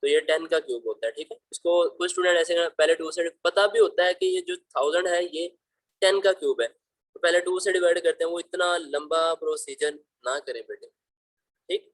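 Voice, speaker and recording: At a moderate pace and fairly high pitch, a male math teacher goes through problems on slides step by step. He's patient, paternal, and fondly addresses students as "beta." The recording has no room sound and is low in quality.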